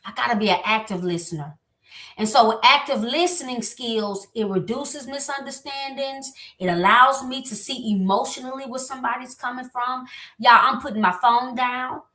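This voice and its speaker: Woman hosting a relationship talk, high-ish bright voice, lively, kinda echoey room. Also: normal speed. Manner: lively, animated, talks straight to listeners. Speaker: host.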